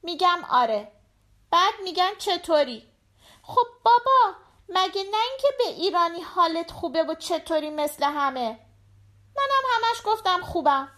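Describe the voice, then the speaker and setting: A woman's voice: very high-pitched, sing-song, bright, forceful tone, voice pushed up, exaggerated voice. A woman voicing a small, talkative little girl who keeps asking questions in a short-story audiobook. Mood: curious. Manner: chatty, questioning, quick. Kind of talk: audiobook character voice.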